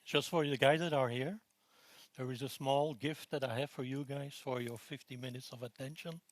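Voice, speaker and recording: A man's voice: mid-range voice, moderate pace, no echo. Belgian man presenting at a conference. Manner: relaxed, with frequent fillers and restarts. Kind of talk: technical conference talk. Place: conference room.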